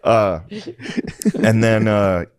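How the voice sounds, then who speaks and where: A man's voice: fairly low pitch, steady tone, very slow, crowd noise. A man in his thirties co-hosting a podcast, telling profane, rambling stories and laughing through them. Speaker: podcast co-host. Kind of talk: casual comedic storytelling.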